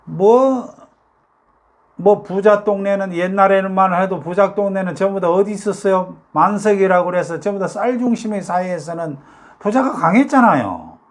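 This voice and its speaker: Speaking at a moderate pace in a high voice, an older man with a Gyeongsang accent from North Gyeongsang, South Korea, talks casually to his YouTube viewers. His rambling chat is packed with fillers and rhetorical questions.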